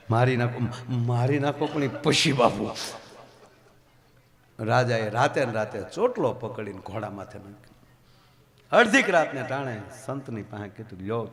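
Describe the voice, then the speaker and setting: A man with a Gujarati accent telling a folk story on stage, acting out the characters with dramatic swings in his voice. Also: fairly bright tone. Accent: Gujarati, Saurashtra. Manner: dramatic storyteller who acts out characters, big pitch swings. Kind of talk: live dayro storytelling to an audience. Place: live stage program.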